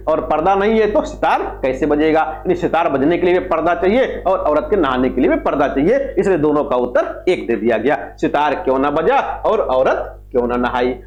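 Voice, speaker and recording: A man teaching a lecture on Hindi literature, who asks questions and answers them himself and repeats key phrases. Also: high voice. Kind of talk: classroom lecture. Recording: roomy, slightly dull recording with faint music.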